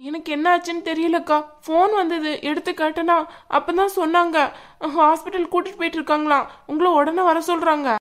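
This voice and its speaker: A woman's voice: extremely high pitch, flat delivery, a little fast, fairly bright tone. A woman voicing an anxious, hesitant young cartoon sister-in-law who stammers, with a Kanyakumari Tamil accent.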